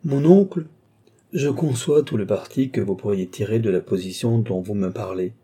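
A man's voice: fairly low pitch, normal speed, mellow, slightly rough. A man reading an audiobook, voicing a guarded, eloquent duke in middle age who speaks in long, earnest, courtly speeches. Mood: declaiming. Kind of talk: audiobook reading of a classic novel.

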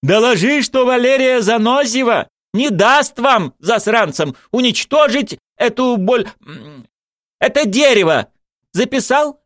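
A man voicing a brash, sarcastic young woman activist who shouts down everyone around her. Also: sits high, big pitch swings, normal speed, dry recording, clean studio sound, pitched above the performer's own voice. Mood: defiant.

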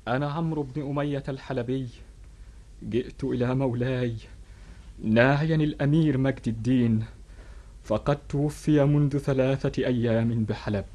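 Mellow actor playing a sorrowful messenger. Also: male voice, medium pitch, steady tone, normal speed, lightly acted. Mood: mournful. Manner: formal, mournful. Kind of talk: historical drama in classical Arabic.

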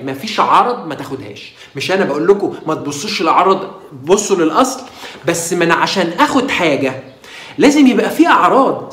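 Fast, high-voiced Egyptian man. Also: reverberant. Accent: Egyptian Arabic. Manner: animated, preachy, addresses viewers with rhetorical questions. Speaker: health channel host. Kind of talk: casual health talk to viewers.

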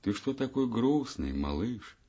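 A man voicing calm, sighing mother Night. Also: mid-range voice, a little slow, husky, voice pushed up, heavily acted. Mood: soothing. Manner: soft, soothing, sighing. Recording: dull lo-fi audiobook recording.

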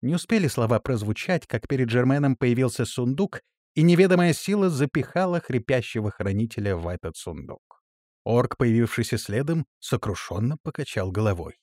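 A man narrates a fantasy storybook with dramatic flair. His pitch rises and falls widely. The sound is dry and close to the mic. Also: lively intonation, a little fast, darkish tone, no echo. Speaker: audiobook narrator.

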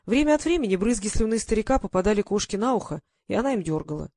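Here a woman gives scripted audiobook narration, her delivery even and measured. The sound is clean studio audio, dry, with her voice sitting in the mid range.

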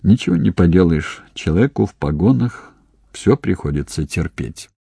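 A calm police investigator with a dry, ironic wit, read by a male narrator. His voice sits low with a husky grain and plenty of lift in the delivery. The sound is close and dry. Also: normal speed, dry recording, heavily acted. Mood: wry.

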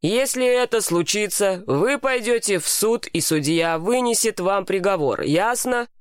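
A woman voicing a stern, measured male police officer. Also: medium pitch, animated, smooth, no echo, clean studio sound, natural voice. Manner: strict, measured.

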